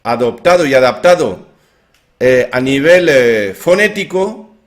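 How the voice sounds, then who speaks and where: A man's voice: medium pitch, lively intonation, a little slow. A man explaining his own theory of language in an informal lecture, with many fillers and restarts.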